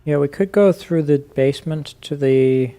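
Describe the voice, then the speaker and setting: A man's voice: on the high side, moderate pace, dark tone. A man giving casual let's-play commentary, thinking aloud with many fillers and restarts. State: hiccuping. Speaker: gaming YouTuber.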